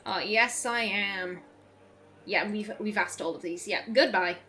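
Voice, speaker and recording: Giggling and tripping over her words, a young woman gives casual gameplay commentary as a let's play host, chatty and prone to cutting herself off. Her mid-range voice is sharp in tone and measured in pace, and there's a little hiss or hum in the audio.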